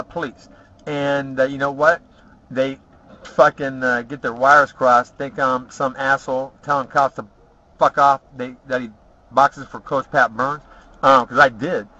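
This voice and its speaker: Here a man recounts his past in a loose, bragging monologue, swearing often and stalling with "uh" and "you know what?". He's a vlogger with a fairly high pitch and a sharp tone, heard on dull lo-fi home video audio.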